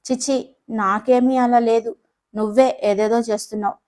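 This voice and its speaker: A woman's voice: fairly high pitch, fairly even intonation, normal speed, darkish tone, natural voice. A woman voicing a shy young wife in a romantic audio story, pleading in mock annoyance. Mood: coy pleading.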